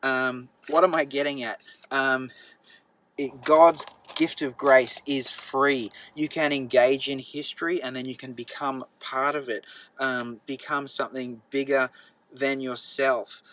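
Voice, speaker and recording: A man giving a public talk in a chatty, anecdotal way, with frequent ums and uhs, growing excited as he goes. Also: mid-range voice, a little slow, rough recording. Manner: gets excited as he talks.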